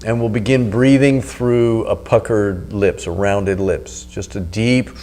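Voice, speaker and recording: A man with a fairly low voice guides a meditation practice. He speaks as a teacher, giving instructions unhurriedly and leaving pauses. A faint hum sits behind his voice. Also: steady tone, a little mellow. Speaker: meditation teacher and video host. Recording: noticeable background hum.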